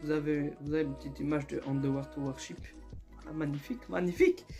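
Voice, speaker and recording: A young man retelling absurd stories in a casual, joking, slangy way, laughing often and breaking into loud squeals of outrage. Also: fairly high pitch, fairly even intonation, quick pace, over music. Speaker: YouTuber. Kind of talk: casual comedic storytelling and reading aloud.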